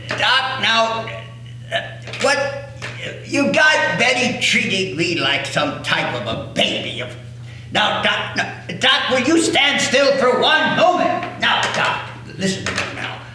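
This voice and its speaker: A man's voice: high voice, bright, forceful tone, full character voice. An actor playing a stubborn, grumbling elderly riverboat magnate in a folksy one-man stage monologue. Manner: folksy, grumbling, talks back to an unseen doctor. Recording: echoey room, distant mic, noisy.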